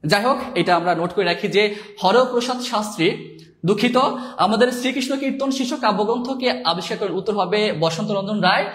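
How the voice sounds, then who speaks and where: A male teacher giving a live exam-prep lesson, reading out viewers' comments and spelling words slowly. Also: high-pitched, a bit bright. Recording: echoey room.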